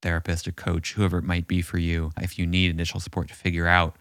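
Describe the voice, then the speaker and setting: A man with a low, gravelly voice co-hosting a casual relationship podcast. He muses his way through ideas and encourages listeners warmly. The sound is close and dry, with no room around it. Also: monotone, fast, no room sound. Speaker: podcast co-host.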